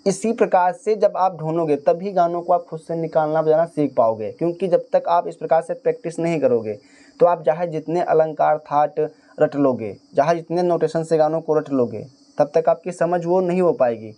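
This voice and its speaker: High-voiced man teaching harmonium. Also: moderate pace, mellow. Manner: explains step by step, sings short phrases to demonstrate. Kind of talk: casual spoken music lesson. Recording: faint harmonium music behind. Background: harmonium playing.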